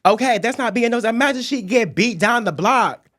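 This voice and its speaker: Animated man telling stories on a podcast. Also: very high-pitched, a little fast. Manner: animated, dramatic storytelling with laughs. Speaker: podcast co-host. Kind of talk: casual podcast banter.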